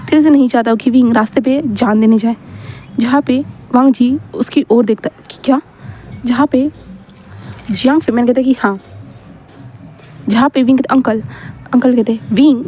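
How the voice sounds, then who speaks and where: A woman's voice: on the high side, mellow. A woman casually narrating a romance fan story, mixing Hindi with English words and quoting the characters' lines. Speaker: storyteller retelling fan fiction.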